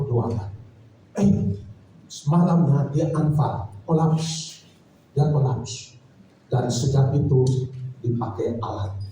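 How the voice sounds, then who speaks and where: A man's voice: mid-range voice, mellow, a little hiss or hum. A male pastor telling a personal story in a sermon, earnest and reflective. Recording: very echoey hall, voice from far off.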